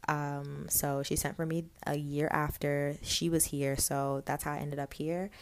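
Low-voiced woman from Guyana. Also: level tone, a little slow, smooth. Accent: light Guyanese. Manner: chatty, candid, laughs often, many fillers. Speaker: podcast host. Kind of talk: casual personal storytelling podcast.

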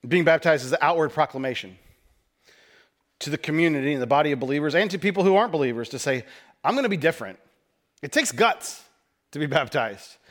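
A man preaching a conversational sermon, mixing folksy stories and self-deprecating humor, rising to loud emphasis and dropping to quiet asides. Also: fairly high pitch, lively intonation, fast talker, long pauses. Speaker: pastor.

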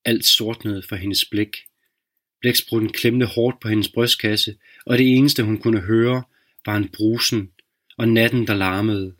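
Guy narrating a story, slow and measured, lowish voice. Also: steady tone, a bit bright. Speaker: podcast host and reader.

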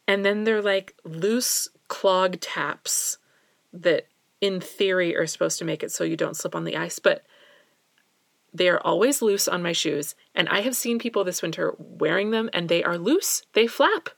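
A woman's voice: on the low side, a little slow, vocal fry, no echo. A young adult woman from Alaska hosting a casual solo podcast, chatty and self-deprecating, recording in a small closet at home. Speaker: podcast host.

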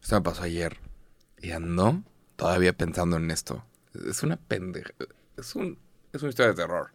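Low-voiced Mexican man, slangy chat. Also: a little fast, no room sound. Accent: Mexican Spanish. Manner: slangy, storytelling with lots of swearing. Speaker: podcast co-host. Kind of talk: casual chat.

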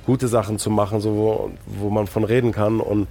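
A man in his early forties, a guest telling stories in a casual chat, with many restarts. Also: on the low side. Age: 40s. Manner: fast, animated storytelling with many restarts.

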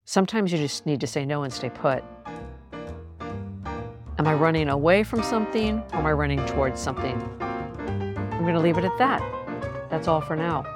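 A woman's voice: sits low, expressive, normal speed, pauses often, music in the background. A woman hosting a podcast, telling a personal story in a candid, reflective, conversational way. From lives in New York City. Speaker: podcast host.

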